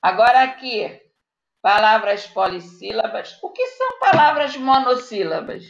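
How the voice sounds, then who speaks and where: This primary school teacher, who has a Brazilian Portuguese accent, runs a live online class for young children, dictating patiently and frequently checking on them. She speaks a little high in a sing-song way at a measured pace, with vocal fry. Sound comes through an echoey, muffled video call.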